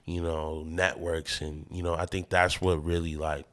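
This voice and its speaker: A man's voice: low voice, little pitch movement, normal speed, fairly bright tone. A man from the American Midwest, a musician guest talking in a loose, rambling, laid-back way on a casual podcast.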